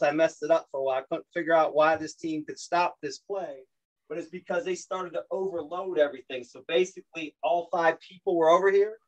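A man with a New York accent, a basketball coach walking through zone offense plays on a video call, animated and joking, often repeating words as he talks. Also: fairly high pitch, low-quality recording. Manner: animated, repeats words, self-deprecating jokes. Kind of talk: coaching clinic explanation.

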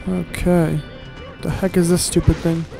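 A man's voice: fairly high pitch, flat delivery, measured pace, gravelly, warm tone, faint music behind, poor audio. A man giving casual, grumbling let's-play commentary while he plays, with sarcastic asides and casual swearing.

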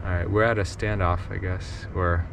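A man's voice: deep voice, steady tone, normal speed, gravelly. A young man in casual technical chat, riding in the back of a car at night and laughing easily. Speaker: self-driving car engineer riding along. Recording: road noise inside a car.

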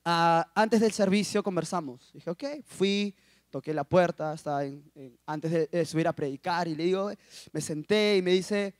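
A young man in his twenties giving an emotional personal testimony at a school assembly, telling his story with animated, acted-out quotes. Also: on the high side, moderate pace, no room sound, clean studio sound. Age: 20s. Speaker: youth speaker.

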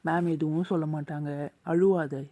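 A woman's voice: low voice, steady tone, normal speed, warm tone, dry recording. A woman voicing a kind man who coaxes and reassures a crying boy in a cartoon. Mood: coaxing. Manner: coaxing, reassuring.

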